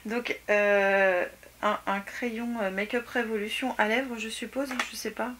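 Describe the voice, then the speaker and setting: A woman with a slightly high voice talks casually to her viewers at home as she opens letters and parcels. She swings between bright exclamations and hushed, breathy murmurs. The home recording carries clear background noise and clicks. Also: steady tone, measured pace. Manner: chatty, exclaiming, often drops to soft near-whispers. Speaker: beauty vlogger opening fan mail. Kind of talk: casual unboxing chat.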